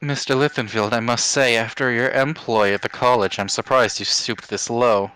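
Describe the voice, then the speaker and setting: A man's voice: mid-range voice, steady tone, moderate pace, bright, forceful tone, clean tone, no room sound, natural voice, rough recording. A man voicing a stern, resolute archmage headmaster with a formal, grave manner in a tabletop game. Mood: disapproving.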